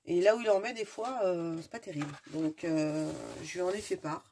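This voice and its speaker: A woman's voice: on the low side, normal speed, warm tone, a little hiss or hum. A woman with a stuffy nose, chatting casually and enthusiastically while unboxing, often searching for words. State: stuffy, sniffling. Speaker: craft video host.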